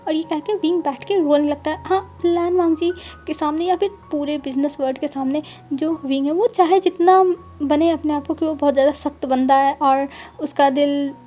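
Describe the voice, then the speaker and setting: A woman's voice: high-pitched, steady tone, moderate pace, warm tone. A woman casually retelling a fan story in a chatty way, linking every line with "then he says". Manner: chatty, keeps repeating "then he says" links.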